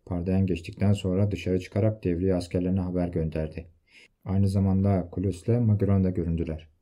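A man reading an adventure novel aloud in steady storytelling. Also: low voice, a little fast. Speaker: audiobook reader. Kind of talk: scripted novel narration.

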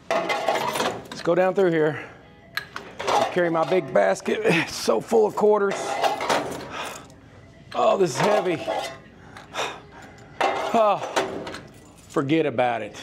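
A man casually demonstrating a task for a vlog in an upbeat way inside a laundromat. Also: mid-range voice. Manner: upbeat, punctuates steps with "bam". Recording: clear background noise.

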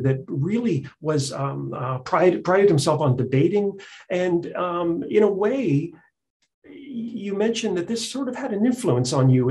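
A man's voice: high voice, creaky, darkish tone. A man hosting a live onstage interview, talking conversationally with frequent fillers and restarts. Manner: conversational, hesitant, many fillers. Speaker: event host and interviewer.

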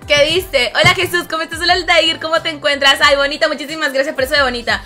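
Young woman streaming games, high bright voice, chatty, keeps dropping to a low drawn-out "hermano", bit strained, music under it. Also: fairly even intonation. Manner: chatty, greets viewers one by one and reads out comments. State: voice strained, rough. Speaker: live-streaming gamer. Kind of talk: casual live-stream chat.

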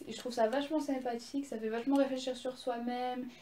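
A woman's voice: high-pitched, steady tone, fairly quick, dark tone, roomy sound. A young woman casually showing her presents, chatty and gushing, with many fillers and restarts. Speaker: vlogger. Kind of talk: casual haul video.

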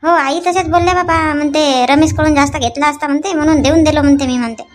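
A woman's voice: high-pitched, fairly even intonation, fast talker, soft background music. A woman, playing a complaining wife in a rustic comedy sketch. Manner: nagging, complaining.

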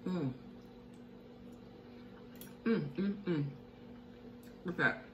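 In a fairly low, slightly bright voice, a middle-aged woman speaks extremely slowly while chatting and humming over her meal as host of a home cooking mukbang show. The audio is dull, with room echo and faint hiss from her indoor home kitchen.

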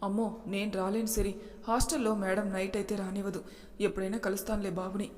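A woman's voice: medium pitch, little pitch movement, quick pace, a little mellow, lightly acted. Woman doing a chatty young coworker girl, upbeat, echoey reverb. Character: cheerful young office colleague. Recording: long reverb.

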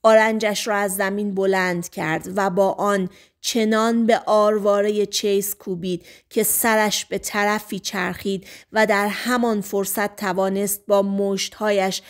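A woman narrating an audiobook in a dramatic reading that drops to a hush at tense moments. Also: mid-range voice, fairly even intonation. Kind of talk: scripted narration.

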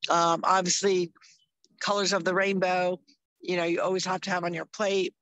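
A woman's voice: fairly low pitch, level tone, normal speed, a bit bright, dry recording, rough recording. Woman co-host, chatty and upbeat, casual chat, dry close sound. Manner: chatty, upbeat, loses her train of thought. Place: outdoors in the mountains.

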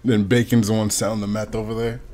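A man's voice: on the low side, little pitch movement, fast. A man streaming a video game, joking and laughing with friends over a headset mic. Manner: loud, laughing, crude banter. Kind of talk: casual gaming chat with friends.

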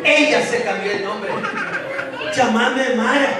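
A man from El Salvador preaching a fiery sermon as pastor, shouting and calling on the congregation to answer. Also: extremely high pitch, slow, distant mic, over a noisy crowd. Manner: preaches with shouted calls and call-and-response. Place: large church hall. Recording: echoey hall, mic from afar, congregation.

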